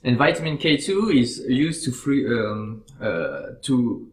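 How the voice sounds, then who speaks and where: A man with a French accent, a podcast guest talking casually and explaining things in a measured way, with frequent fillers. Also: medium pitch, sing-song, reverberant. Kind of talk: casual chat.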